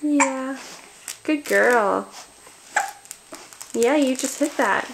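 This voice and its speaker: Parent woman, gentle baby talk, very unhurried and high-pitched. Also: creaky, background noise. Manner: slow, soft, cooing and encouraging.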